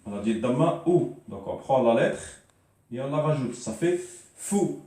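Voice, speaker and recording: A man drills syllables slowly and patiently in a lesson, returning often to small filler words. His voice rings in a very echoey room, picked up from a little way off the mic. The pitch sits in a middle range for a man. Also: lively intonation, dark tone, far from the mic. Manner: slow, repetitive drilling of syllables, frequent "donc" and "euh". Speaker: Arabic teacher. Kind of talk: classroom lesson.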